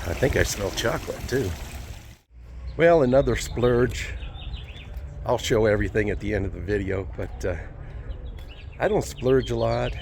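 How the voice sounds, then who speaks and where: Gravelly-voiced man chatting through a walk. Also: on the low side, a little mellow, a little hiss or hum. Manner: chatty, easygoing, thinks aloud. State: rough morning voice. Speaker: vlogger. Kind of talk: casual walking vlog narration. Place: outdoor plazas and market.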